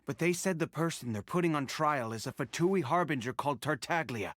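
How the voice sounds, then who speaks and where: An actor, a man, playing a concerned informant in a video game, serious and measured. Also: on the high side, lively intonation, fairly bright tone, no echo. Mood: grave, concerned. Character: concerned, earnest male informant bringing grave news.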